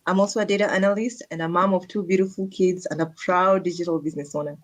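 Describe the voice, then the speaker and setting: A woman from Kenya speaking as a guest on a live online panel, measured and deliberate. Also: lowish voice, steady tone.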